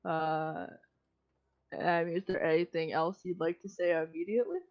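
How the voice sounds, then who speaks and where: A woman game master narrating a tabletop game casually, in a halting, hesitant way. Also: lowish voice, steady tone, dull audio.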